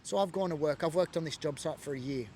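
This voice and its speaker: A former biker from Sydney, Australia, talks fast in a slightly high voice with a darkish tone. He delivers his personal testimony earnestly and emotionally, leaning on lots of fillers, over slight background noise.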